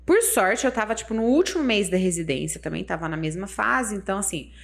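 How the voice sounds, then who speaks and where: A woman in her thirties, a mother, chatting casually on a podcast in a confiding way, with soft asides. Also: mid-range voice, expressive, a little fast, vocal fry. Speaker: podcast guest, mother of one. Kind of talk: casual chat.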